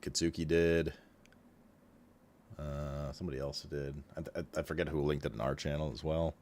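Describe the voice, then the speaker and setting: A man's voice: rumbling low, fairly even intonation, normal speed, a little mellow. A man streaming, chatting casually about a game, swearing freely and laughing often.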